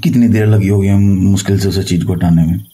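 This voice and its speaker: On a phone call, a man from India plays a tantric guru advising a caller, boasting and reassuring with authority. His voice is low, warm and husky, with a steady tone and a slightly fast pace.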